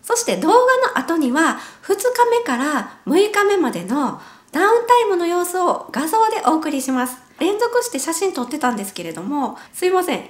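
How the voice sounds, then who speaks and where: A woman, chatting casually in a home vlog, her speech a little sluggish and strained after nose surgery as she corrects herself along the way. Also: extremely high pitch. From Japan. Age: 40s. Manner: chatty, self-correcting, talks while wincing in pain. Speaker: vlogger. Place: at home, indoors.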